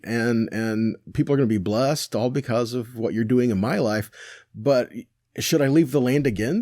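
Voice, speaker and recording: A man teaching the weekly Torah portion reads verses aloud and paraphrases them in a casual, conversational way, often asking rhetorical questions, saying "right?", and correcting himself. His voice is medium-pitched with a darkish tone, recorded clean in the studio without echo.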